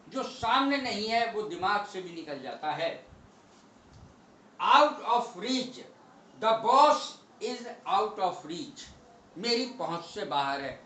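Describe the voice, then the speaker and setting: A man teaching English phrases, reading each example slowly and deliberately, then explaining it briskly. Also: high voice, fairly bright tone, echoey room, distant mic, a little hiss or hum, poor audio. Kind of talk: Hindi-language English vocabulary lesson.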